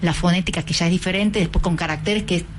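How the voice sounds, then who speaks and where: Teacherly Argentine woman, low voice. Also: steady tone, fast, a little hiss or hum. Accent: Argentine Spanish. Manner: patient, teacherly, sings out tones to demonstrate. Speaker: cultural association president, interviewee. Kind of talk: radio interview.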